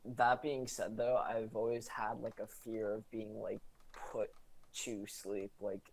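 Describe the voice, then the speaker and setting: A man's voice: lowish voice, flat delivery, slow, poor audio. A young man, a student, chatting casually as a podcast guest, rambling with many fillers. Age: young adult. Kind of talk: casual chat.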